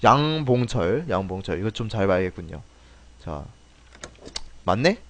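A man commentating on a game he is playing, muttering to himself and then bursting into loud swearing and laughter, with some phrasing. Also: fairly low pitch, big pitch swings, measured pace, a little hiss or hum. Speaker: game streamer. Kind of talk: gameplay commentary.

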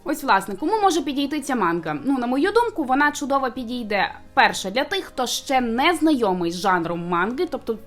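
A woman in casual chat, reviewing a manga and explaining her points with a steady flow of fillers. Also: high voice, fairly quick, few pauses, soft background music. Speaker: booktuber co-host reviewing manga.

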